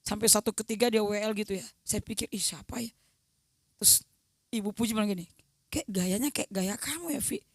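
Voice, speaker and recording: A woman evangelist, preaching a sermon with personal testimony, dropping to hushed near-whispers and rising to loud emphatic declarations as she acts out remembered conversations. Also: medium pitch, fairly quick, no room sound, studio quality. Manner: colloquial, acts out remembered dialogue.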